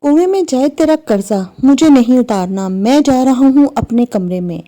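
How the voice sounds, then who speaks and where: A woman's voice: sits high, lively intonation, normal speed, warm tone. A woman voicing an irritable grown son who snaps complainingly at his mother in a storybook tale. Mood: irritated.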